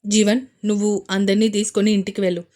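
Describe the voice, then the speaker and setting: A woman voicing an angry, protective young husband who gives curt, forceful orders. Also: mid-range voice, little pitch movement, fast, natural voice. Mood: furious commanding. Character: furious protective young husband, commanding hero.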